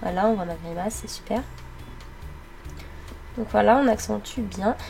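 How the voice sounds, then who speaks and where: A young woman narrating her makeup routine step by step, pausing often with fillers as she works. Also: medium pitch, creaky, darkish tone, soft background music. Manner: halting, many fillers while working. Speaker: beauty vlogger. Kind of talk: makeup tutorial voice-over.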